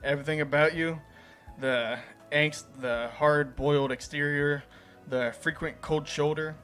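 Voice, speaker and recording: A man's voice: a little high, steady tone, measured pace, fairly bright tone, faint music behind. A man reading a visual novel game aloud as a gaming host, playful and chuckling at the story.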